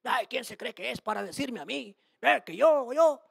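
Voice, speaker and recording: A woman's voice: fairly high pitch, expressive, normal speed, vocal fry, slightly rough, exaggerated voice. A woman preacher quoting a stubborn, touchy fool who brushes off advice. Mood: dismissive. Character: stubborn, touchy foolish person, dismissive.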